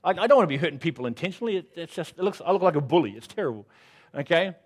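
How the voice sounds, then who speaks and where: A middle-aged man preaching a sermon as pastor, earnest and self-deprecating, moving between loud appeals and hushed moments. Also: fairly high pitch, expressive, rapid-fire, slightly rough.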